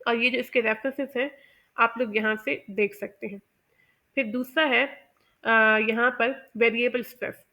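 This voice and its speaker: A woman with a fairly high voice gives a lesson on pronunciation. She explains step by step in a measured way and often stops to say "uh". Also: bright, forceful tone. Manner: measured and explanatory, with many "uh" pauses. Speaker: English pronunciation teacher.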